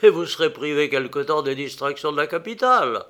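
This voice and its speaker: A man's voice: a little high, expressive, a little slow, sharp tone, pitched above the performer's own voice, exaggerated voice. A man reading an audiobook aloud, voicing a sly middle-aged count who talks in a clipped, offhand way.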